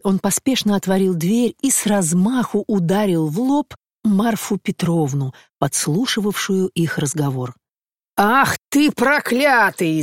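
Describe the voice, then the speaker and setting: A woman's voice: lowish voice, a little mellow, no echo. Woman reading classic prose, dry close sound. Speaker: audiobook reader. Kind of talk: scripted narration of classic prose.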